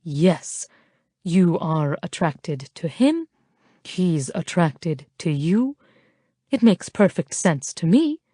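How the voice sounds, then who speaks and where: A woman narrator voicing a frank, playful Frenchwoman with a French accent, speaking with unhurried confidence. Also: fairly low pitch, big pitch swings, dark tone, dry recording, clean studio sound, heavily acted. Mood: persuasive.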